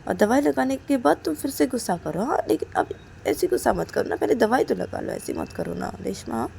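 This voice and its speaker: A woman's voice: fairly high pitch, huge pitch swings, brisk, gravelly, a little mellow, slight background noise, exaggerated voice. A woman voicing a caring young woman who pleads and coaxes her partner over and over. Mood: pleading coaxing. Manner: pleading, coaxing, repeating "please".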